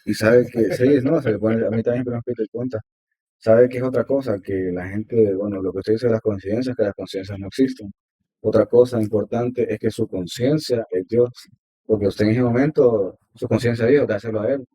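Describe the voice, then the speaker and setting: Low dark-voiced podcast host. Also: male voice, fairly even intonation, moderate pace, breathy edge, rough recording. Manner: affirming, frequent "ujú" backchannel. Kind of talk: casual interview talk.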